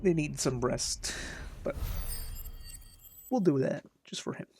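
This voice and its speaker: A woman's voice: sits low, lively intonation, slow pace, creaky, warm tone, soft background music. A woman giving casual, chatty video game commentary, playful and thinking aloud.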